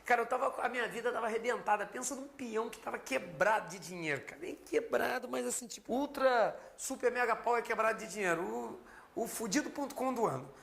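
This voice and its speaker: Fast, gravelly man teaching law. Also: very high-pitched. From Rio de Janeiro, Brazil. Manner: slangy, animated storyteller. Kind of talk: energetic lecture with personal anecdote.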